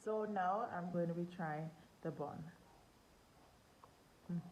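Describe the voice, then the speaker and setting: Slow-talking woman in an echoey room. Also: on the low side, background noise. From Jamaica. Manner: relaxed, chatty, speaks with mouth full. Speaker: vlogger. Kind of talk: casual home cooking vlog.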